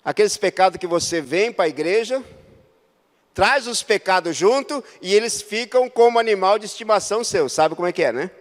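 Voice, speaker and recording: Male Brazilian pastor, high voice, chatty storyteller who builds to loud exhortation, recorded in a reverberant church. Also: expressive, normal speed. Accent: Brazilian Portuguese. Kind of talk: sermon.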